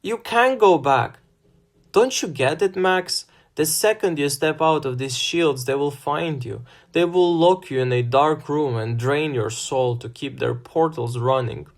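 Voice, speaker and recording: A man voicing a fierce, grieving teenage girl warrior who shouts in desperation. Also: lively intonation, takes it slowly, vocal fry, exaggerated voice. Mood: desperate shouting. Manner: shouting, desperate, high-strung.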